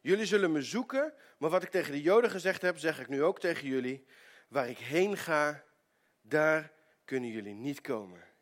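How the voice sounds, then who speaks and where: A preacher voicing Jesus as a calm grown man, speaking in a measured, solemn way that slows and softens. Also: a little high, lightly acted.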